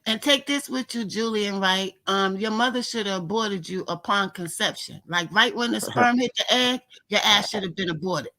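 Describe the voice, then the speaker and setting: A woman from New York chats on a livestream with a smoker's voice. It sits at a middling pitch but has a sharp, forceful edge. Her talk is blunt, slangy and full of profanity. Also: normal speed, hardly any pauses, a little hiss or hum. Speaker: livestream co-host. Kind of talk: casual livestream chat.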